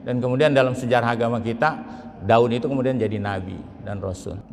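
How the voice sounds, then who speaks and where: A middle-aged man preaching a lively mosque sermon, joking with the congregation. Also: medium pitch, fast. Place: large mosque hall. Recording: reverberant mosque hall.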